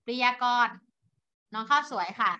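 Bright patient woman teaching young children. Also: on the high side. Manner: patient, spells sounds out slowly for children. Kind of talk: online classroom lesson. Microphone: video call. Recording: dull lo-fi online call audio.

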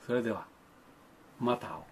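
A man's voice: mid-range voice, brisk, slight background noise. An older man, talking to children in a folksy, grandfatherly way, with old-fashioned speech and playful sound effects. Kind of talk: folksy monologue to the camera.

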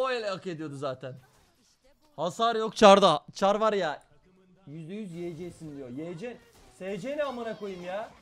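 Man, game streamer, excitable and profane, bright clean voice, dry close sound. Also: high-pitched, no room sound. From Turkey. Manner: brash, profane, excitable banter with chat. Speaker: live streamer. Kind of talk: live gaming stream commentary.

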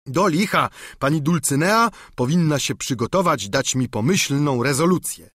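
Heard in a lively, dry storybook reading, a simple peasant squire rattles on eagerly in a raised, bouncy voice, as a man puts him on. He is folksy and chatty, all plain talk. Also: on the high side, moderate pace, breathy edge, no room sound, voice pushed up. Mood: pleading. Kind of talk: audiobook character reading.

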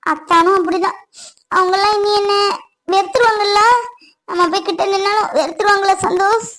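A woman playing a worried young wife, very high voice. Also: fairly even intonation, brisk, poor audio. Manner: worried, pleading, soft. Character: anxious young runaway wife, self-blaming. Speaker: actor. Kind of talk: family comedy-drama acting.

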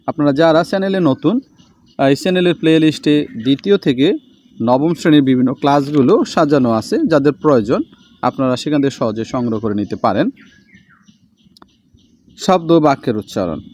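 A man teaching a school language lesson, reading aloud slowly and repeating each word for his students. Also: fairly high pitch, expressive, a little mellow, a little hiss or hum. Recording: dull lo-fi sound.

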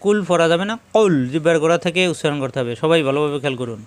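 A man with a fairly high, smooth and clear voice leads a recitation lesson. He explains each point slowly, then chants the verses with long, drawn-out notes. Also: expressive. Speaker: Quran teacher.

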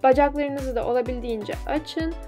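Young woman, fitness vlogger, higher-pitched voice, chatty and instructive, soft music underneath. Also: moderate pace. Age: young adult. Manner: chatty, instructive, slightly self-deprecating. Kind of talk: casual explanatory voice-over.

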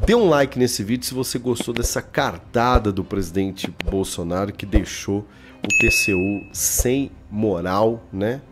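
His voice on the low side and unhurried, the man in his thirties with a Brazilian Portuguese accent delivers casual, emphatic political commentary aimed directly at viewers. Background noise is present in the small home studio where he uses a desk microphone.

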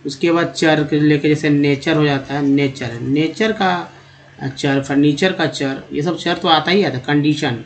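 Slightly high and steady in tone, a Hindi-accented man runs a video lesson on English pronunciation. He says words again slowly and refers to the audience as friends.

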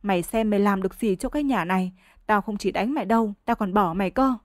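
A woman reading as a furious village wife with a shrill, cutting tongue, cursing in a mid-pitched voice. The sound is dry and close, with no room around it. A storybook reading of a fed-up peasant woman. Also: fast, no room sound, lightly acted. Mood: furious scolding. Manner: shrill scolding, cursing loudly.

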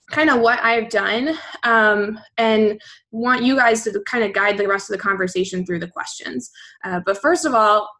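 A woman's voice: a little high, fairly bright tone, rough recording. A young woman from Virginia, upbeat and chatty, giving a coaching presentation on a team video call. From Virginia, USA. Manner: upbeat, chatty, laughs easily. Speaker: guest presenter, part-time fitness coach.

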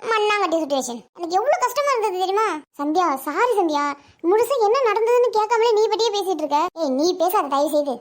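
Squeaky cartoon village girl, super high and rattling fast, hot-tempered. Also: animated. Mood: angry. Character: upset, quick-tempered young village woman. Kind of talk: animated cartoon dialogue.

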